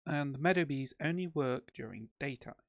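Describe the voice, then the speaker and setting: A man's voice: mid-range voice, animated, normal speed, gravelly, no echo, muffled recording. A man giving casual, rambling commentary on his own gameplay, with frequent ums and self-corrections. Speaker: let's play host.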